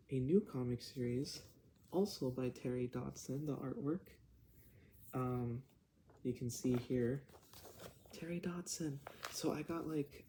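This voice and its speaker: A man giving casual vlog commentary in a hushed, half-whispered voice, keeping quiet at night. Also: mid-range voice, a little hiss or hum, low-quality recording. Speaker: comic book vlogger.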